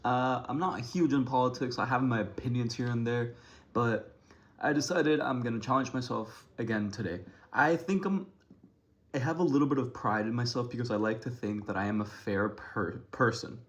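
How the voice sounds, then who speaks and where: Young male vlogger, mid-pitched, chatty and self-deprecating, talking to camera with frequent restarts. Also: normal speed. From Ecuador. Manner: rambling, self-deprecating, many restarts and fillers. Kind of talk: casual to-camera monologue.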